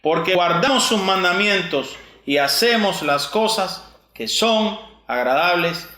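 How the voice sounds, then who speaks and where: A man's voice: high-pitched, expressive, a little slow, bright, forceful tone. A man, possibly, preaching a sermon, asking rhetorical questions and repeating verses. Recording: echoey room.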